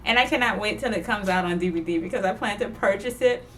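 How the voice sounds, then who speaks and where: A woman's voice: medium pitch, fast, a little hiss or hum. Chatty woman sewing vlogger. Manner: chatty, digressive, laughs often. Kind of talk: casual chat.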